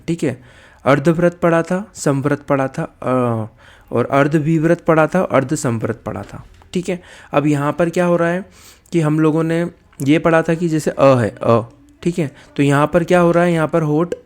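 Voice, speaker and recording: A man teaching an exam-prep lesson, posing questions and answering them himself and checking in often with okay and right. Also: a little high. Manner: sounds out letters slowly to demonstrate.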